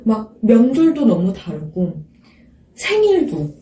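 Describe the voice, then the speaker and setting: A woman in her twenties, a guest telling her story in an earnest, reflective way during a relaxed interview. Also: on the high side, slow. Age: 20s. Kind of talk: casual interview chat. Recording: roomy sound from a distance.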